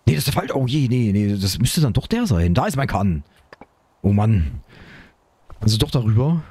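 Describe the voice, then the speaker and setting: A man commenting on his own survival game play, excitable, talking to himself and his viewers. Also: lowish voice, normal speed, slightly rough. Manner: excitable, talks to himself and viewers, frequent exclamations. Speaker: gaming YouTuber.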